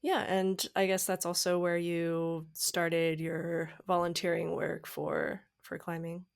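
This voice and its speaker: A woman's voice: on the low side, flat delivery, slow, creaky, dry recording, clean studio sound. A woman hosting a climbing podcast, reading her intro, then chatting in an encouraging, upbeat way. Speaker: podcast host. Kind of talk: scripted intro, then casual interview.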